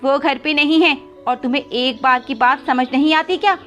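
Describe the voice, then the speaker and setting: A woman's voice: high voice, normal speed, fairly bright tone, lo-fi sound, faint music behind, voice pushed up. A woman voicing a greedy, scheming female crow who talks harshly and dismissively. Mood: scornful.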